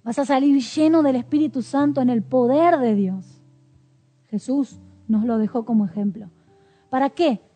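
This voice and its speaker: A woman's voice: high voice, moderate pace, warm tone, soft background music. A woman preaching a sermon in a conversational way, with rhetorical questions and light laughter.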